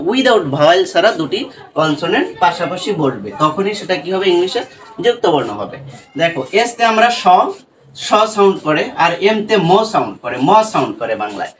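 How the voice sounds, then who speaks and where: A man's voice: high-pitched, fairly bright tone, distant mic, a little hiss or hum, poor audio. A man with a Bangladeshi accent teaching phonics, who asks questions and answers them himself, saying each sound over again. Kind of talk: spoken phonics lesson.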